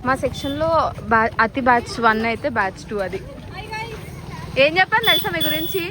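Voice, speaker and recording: A woman's voice: sits high, big pitch swings, fairly quick. A young woman in her twenties, a graduating student, chatting and teasing her friends on camera, mixing English words into her talk, outdoors on a campus. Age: 20s. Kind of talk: casual vlog chat with friends. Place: outdoors on a busy college campus. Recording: crowd chatter around.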